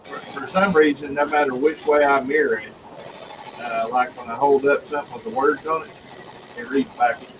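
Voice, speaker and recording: A man's voice: mid-range voice, steady tone, moderate pace, noisy background. Rich: A man with an ordinary mid-range voice, heard through a dead mic so everything comes out hollow, like inside a fishbowl. He chats in a loose, rambling way on a video call and loses his thread while he works his camera. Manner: easygoing, rambling, fumbling with his gear. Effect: hollow, muffled sound as if inside a fishbowl. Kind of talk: casual chat over a video call. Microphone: failing mic, sound picked up through a camera.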